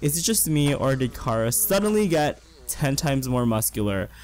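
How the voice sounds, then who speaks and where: A hoarse young man chatting excitedly through casual gameplay commentary as a let's play host. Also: mid-range voice, normal speed. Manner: chatty and excitable, gushing with slang. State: hoarse, losing his voice.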